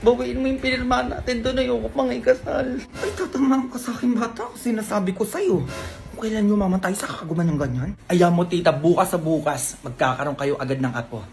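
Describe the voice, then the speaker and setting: A person acting out a comic family sketch, switching quickly between several characters. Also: mid-range voice, gravelly, darkish tone. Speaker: comedy sketch creator playing all parts.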